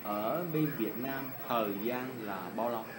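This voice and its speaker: A man's voice: medium pitch, measured pace, a crowd in the background. A middle-aged man from Vietnam interviewing casually and politely, often repeating answers back. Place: indoor swimming pool hall. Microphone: phone at arm's length. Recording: noisy indoor pool, phone recording.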